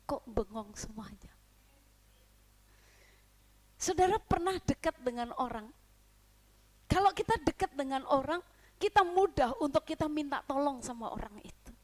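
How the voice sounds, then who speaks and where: A woman preaching a Sunday sermon in church. She puts questions to the congregation and often sinks to a hushed, almost whispered voice. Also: high voice, animated, a little slow, pauses often.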